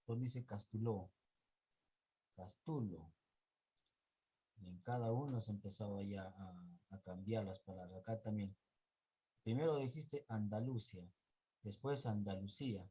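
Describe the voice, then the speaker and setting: A man, a teacher on a video call, patiently walking his pupils through their reading errors. His voice sits low and has a husky, breathy grain. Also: normal speed, a little mellow. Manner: corrects pupils' reading patiently, counts aloud. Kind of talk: online reading class feedback.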